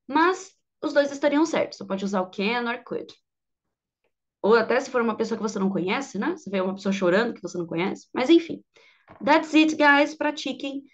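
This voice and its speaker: A Brazilian woman teaching English, who explains step by step and reads the English examples slowly and clearly. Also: fairly high pitch, highs cut off. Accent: Brazilian Portuguese. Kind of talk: online English lesson.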